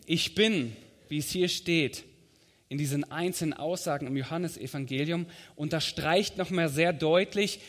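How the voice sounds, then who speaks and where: Guy preaching in a church, measured and steady, bit higher voice, long echo behind him. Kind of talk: sermon. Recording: long hall reverb.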